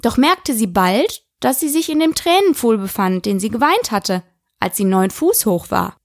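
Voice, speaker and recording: A woman narrating a storybook in an even, measured reading. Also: fairly high pitch, no echo, studio quality. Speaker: audiobook narrator.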